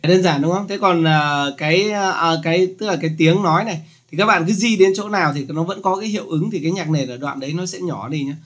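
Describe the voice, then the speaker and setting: A man hosting a casual screen-recorded software tutorial, chatty and joking as he explains. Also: fairly high pitch, fast, few pauses, soft background music.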